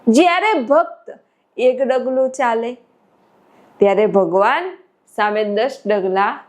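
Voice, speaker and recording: A woman spiritual teacher giving a devotional sermon, measured and repeating her phrases for emphasis. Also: on the high side, darkish tone.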